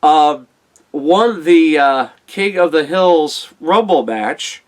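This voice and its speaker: A man hosting a wrestling show in a casual, halting, conversational way. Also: on the high side, animated.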